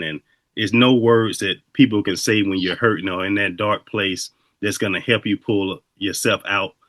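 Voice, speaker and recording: A man's voice: low-pitched, sharp tone, no echo. A man hosting a casual interview, telling his own stories in a reflective, conversational way. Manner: reflective, conversational, loose storytelling. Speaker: host.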